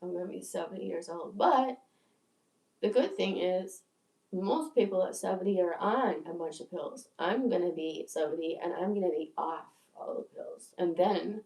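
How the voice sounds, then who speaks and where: A woman of sixty, low and dark-toned with vocal fry, rambles at a moderate pace through a livestream monologue as a video creator. She is candid and profane, swearing freely, with stammering restarts. She sits distant from the mic in a roomy, echoey space.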